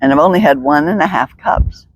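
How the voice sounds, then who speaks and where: A woman's voice: deep voice, lively intonation, a little fast, slight background noise. A woman guiding a stretching session outdoors, chatty and upbeat, talking her way through each move. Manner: chatty, upbeat, thinks aloud, laughs often. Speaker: stretching instructor. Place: outdoors in the sun.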